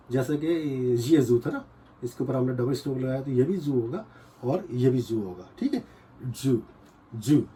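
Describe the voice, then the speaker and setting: Mellow-voiced man teaching syllables. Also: mid-range voice. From Pakistan. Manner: explains slowly, repeats syllables many times. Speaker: language teacher. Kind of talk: casual spoken lesson.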